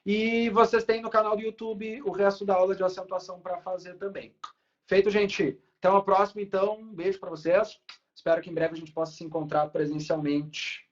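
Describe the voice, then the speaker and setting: Lively Brazilian male teacher, roomy sound. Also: high voice, brisk, highs cut off. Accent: Brazilian Portuguese. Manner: lively, checks in with students often. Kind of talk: live online grammar class. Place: classroom at a whiteboard.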